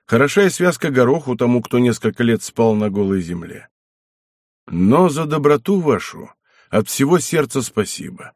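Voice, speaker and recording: A man voicing an old ailing knight in an audiobook, speaking slowly and heavily, softened by emotion, with a husky voice. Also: medium pitch, sing-song, dry recording, studio quality. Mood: weary. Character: old ailing male knight, weary and stubborn. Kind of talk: audiobook character reading.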